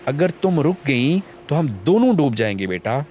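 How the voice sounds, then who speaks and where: A man's voice: on the high side, very animated, a little hiss or hum, voice pushed up. A man voicing a young father soothing his daughter as he prepares to sacrifice himself. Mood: tender grief. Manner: soft, tender, breaking with tears. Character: young widowed father, tender and grieving.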